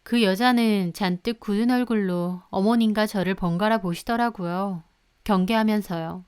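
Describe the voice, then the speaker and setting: A woman's voice: mid-range voice, moderate pace, darkish tone, clean tone. A woman narrating a scripted first-person story in a confiding, conversational way.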